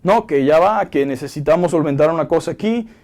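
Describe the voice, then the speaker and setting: A man's voice: fairly high pitch, brisk, a little mellow, lightly acted. A Venezuelan-accented man voicing a corrupt male traffic cop who hints at a bribe in an evasive, offhand way.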